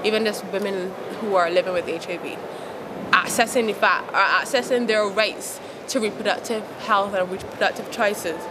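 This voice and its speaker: A woman's voice: mid-range voice, steady tone, normal speed. A young woman from Barbados with a Barbadian accent, speaking frankly and laughing often as she answers interview questions outdoors. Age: young adult. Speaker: interviewee, youth advocate. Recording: outdoor recording with traffic noise.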